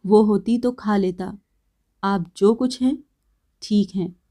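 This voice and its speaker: A woman voicing a young man who speaks calmly, quietly and firmly in a read-aloud story. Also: mid-range voice, slow pace, lightly acted. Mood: stern. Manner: calm, quiet and firm. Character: calm, stern young man.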